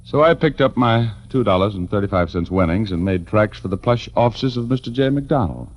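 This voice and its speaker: In breezy 1940s radio drama style, an American man plays a wry, easygoing private detective, narrating in first person with folksy hesitations. His voice is fairly low, with lively intonation and a brisk pace. The muffled recording sounds like a vintage radio broadcast, with faint music.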